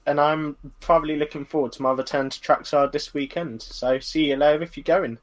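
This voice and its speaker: A man's voice: on the high side, fairly even intonation, a little fast. A man on a podcast panel giving a short, cheerful sign-off. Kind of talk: casual panel chat.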